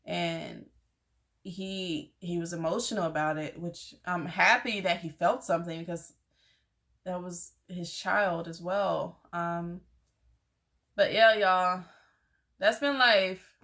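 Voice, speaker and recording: A young adult vlogger speaks slowly in a lowish, steady, fairly bright voice. Telling her viewers a personal story, she stays frank and conversational and uses "like" and "y'all" a lot.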